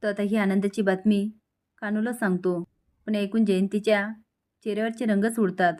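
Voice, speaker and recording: A woman narrating a scripted story recap of a television serial in a steady, plain storytelling manner. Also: medium pitch, normal speed.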